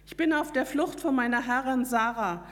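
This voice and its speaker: A woman's voice: high voice, normal speed, in a large hall, close to an everyday voice. A woman voicing a frightened runaway slave woman who pleads in distress, in a sermon's retelling. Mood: bewildered.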